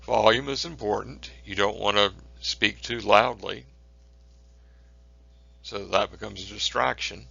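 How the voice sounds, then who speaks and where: Male instructor, lower pitch, bright forceful tone, measured delivery with fillers. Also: steady tone, creaky, breathy edge, no echo. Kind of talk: recorded lecture. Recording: dull lo-fi recording.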